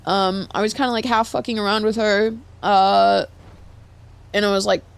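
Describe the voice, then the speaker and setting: A woman's voice: mid-range voice, fairly even intonation, normal speed, vocal fry, clear, resonant tone, dry recording. A young woman in an in-character roleplay chat, telling a long story in a rambling, profane way. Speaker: roleplay streamer.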